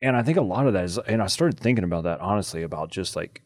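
A middle-aged man with a low-pitched voice speaks with braces in his mouth. He tells casual anecdotes as a podcast and radio host, in a dry, close-sounding room. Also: expressive, quick pace, dry recording.

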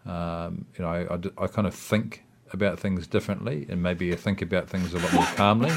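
A man's voice: low-pitched, a little fast, creaky. A man with a New Zealand accent giving a casual interview as a guest, rambling reflectively with plenty of hesitations and filler phrases. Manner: hesitant, rambling, reflective, with frequent "you know" and "I mean".

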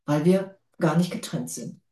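A woman's voice: deep voice, measured pace, dark tone, roomy sound. A woman giving a spiritual talk to a group, casual and enthusiastic, laughing often. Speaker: spiritual teacher.

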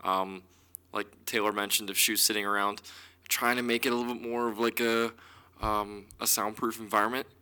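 A fairly low male voice with a very bright, forceful edge chats casually as a podcast co-host. He starts and stops as he finds his words. The hard-walled room makes him sound like he is inside a concrete bunker. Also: flat delivery, fairly quick, clean tone. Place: apartment with concrete walls and hardwood floors.

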